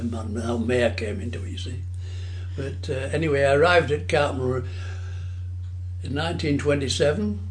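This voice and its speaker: A man's voice: mid-range voice, a little mellow, poor audio. Rambling man in his nineties. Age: 90s. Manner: rambling, repeats himself, frequent fillers. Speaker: oral history interviewee. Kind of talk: reminiscing interview.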